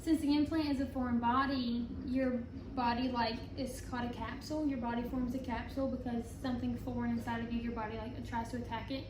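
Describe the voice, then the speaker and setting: This talk show guest speaks fast in a slightly high voice with little rise or fall, and her R's come out sounding like W's. She's chatting casually, recorded in an echoey room with clear background noise.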